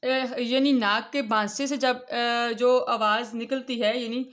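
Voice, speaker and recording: A woman teaching a Quran reading lesson for children, explaining patiently and reciting letter names slowly and clearly. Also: a little high, fairly even intonation, fairly bright tone. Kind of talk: instructional lesson.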